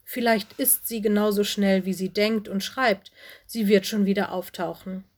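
A woman voicing a busy, motherly fox headmistress in a children's audiobook, gentle but firm. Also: mid-range voice, steady tone, moderate pace, close to an everyday voice. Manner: gentle, softly stern.

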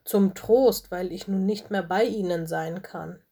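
Woman putting on croaky, whiny baby owl, soft husky tone, storybook. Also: mid-range voice, measured pace. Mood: plaintive. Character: small sick male owl chick, clingy and whiny.

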